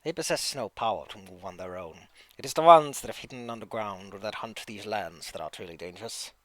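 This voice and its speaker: Eerie tabletop-game matriarch, played by a man: crackly, slow, formal, ominous. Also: lowish voice, expressive, a bit bright, voice pushed down. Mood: foreboding. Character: eerie, grave old woman seer-like leader.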